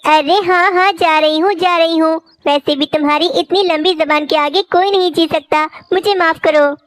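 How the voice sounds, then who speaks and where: A prying, teasing little bird neighbor from a cartoon, voiced by a woman. Her voice is high, the sound dry and close. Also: steady tone, normal speed, no room sound. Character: gossipy female neighbor bird. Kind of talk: cartoon voice acting.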